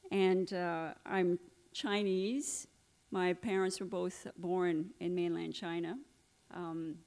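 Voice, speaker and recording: A woman's voice: medium pitch, gravelly. A middle-aged woman from Trinidad and Tobago sharing her personal testimony in church, telling her story earnestly with slides. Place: church hall.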